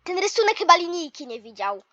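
A patient male math teacher walks his class through compass drawings step by step, teasing gently now and then, as a woman voices him. The voice sits high. The recording is dull and lo-fi. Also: very animated, fairly quick, no room sound, exaggerated voice. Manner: explains step by step, mildly teasing. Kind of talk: toy role-play lesson.

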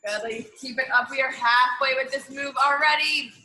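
Bright-voiced young woman aerobics instructor. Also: high voice, steady tone, brisk, poor audio. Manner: encouraging, pushing. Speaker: group fitness instructor. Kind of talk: aerobics instructor coaching and counting down a workout. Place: large indoor gym. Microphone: a few feet from the camera.

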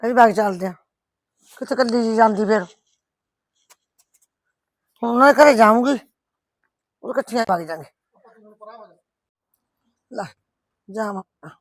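A woman's voice: fairly high pitch, measured pace, pauses often, dry recording. A woman playing a blunt, protective village mother. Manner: scolding yet comforting, blunt. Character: firm caring village mother defending her daughter. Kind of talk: rural family drama acting.

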